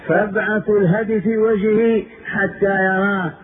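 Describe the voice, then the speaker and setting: High-voiced preacher on a tinny tape. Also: male voice, level tone, moderate pace, slight background noise. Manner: repeats phrases for emphasis, asks rhetorical questions. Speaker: Islamic scholar and preacher. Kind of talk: religious lesson retelling prophetic history. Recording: tinny phone-like old lecture tape.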